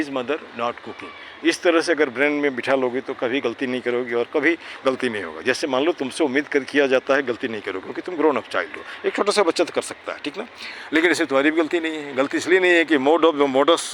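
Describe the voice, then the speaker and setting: Male tutor teaching a grammar lesson. Slightly high, patient, keeps asking "clear?" Faint street noise behind him. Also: a bit bright. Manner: patient, checks understanding often. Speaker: English tutor. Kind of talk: Hindi grammar lesson for children. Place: outdoors near traffic.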